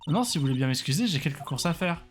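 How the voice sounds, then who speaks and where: A man's voice: on the high side, animated, fast talker, faint music behind, close to an everyday voice. A man voicing a doting woman who sweetly threatens others, reading her video game lines aloud in near his own voice. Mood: sugary menace. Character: sweet-talking woman, doting girlfriend with a menacing edge.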